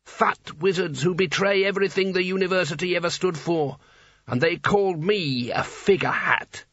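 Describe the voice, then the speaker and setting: An imperious ancient wizard's hat, pitched well above a normal male voice, proclaiming with grandiose, sarcastic authority in an audiobook, as a man puts it on. The recording is dry and a little dull. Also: moderate pace, fairly bright tone, no room sound. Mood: sarcastic, commanding.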